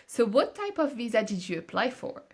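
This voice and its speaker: A woman's voice: a little high, sing-song, breathy edge. A woman hosting a podcast, asking questions and encouraging her guest in a casual interview. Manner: encouraging, quick reactions. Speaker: podcast host.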